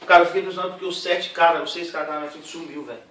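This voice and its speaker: A young man giving an animated, slangy spoken testimony in a church setting. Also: a little high, racing. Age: young adult. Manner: slangy, animated storytelling with voiced impressions. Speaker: testimony giver. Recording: echoey room, distant mic, noisy.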